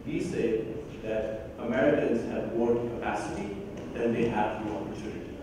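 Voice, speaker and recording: A man's voice: mid-range voice, normal speed, background noise. A man from Pakistan giving earnest, emphatic remarks as a panelist at an embassy event. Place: large hall at an embassy event. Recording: echoey hall, mic far off.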